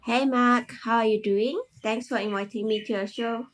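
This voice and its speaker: Speaking at a moderate pace with a steady tone and a voice on the high side, a tech manager guesting on a podcast keeps the interview chat casual. She's in her thirties, from Malaysia with a Malaysian English accent, and laughs frequently between phrases.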